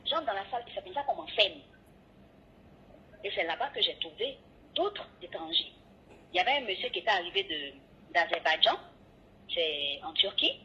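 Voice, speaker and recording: A radio and TV presenter describes an ordeal she went through during a phone interview, performing each person's voice in the dialogue as she tells it with energy. She speaks with a fairly low, slightly rough voice at a moderate pace, pausing often, and the line sounds tinny.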